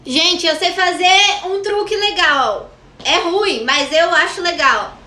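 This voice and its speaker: Excited woman showing off, very high voice, slow delivery, echoey room. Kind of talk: comedy clip.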